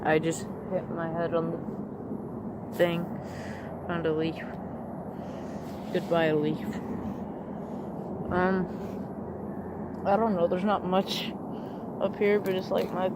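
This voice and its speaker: Using a gender swap voice filter that makes him sound like a woman, a man with a high voice rambles hesitantly with many fillers. He's filming a casual vlog from up in a tree in the woods, against a noisy background.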